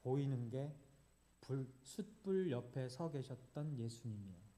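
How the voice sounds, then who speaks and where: A man's voice: mid-range voice, expressive, unhurried, mellow. A male pastor preaching a sermon in an earnest, vivid storytelling manner.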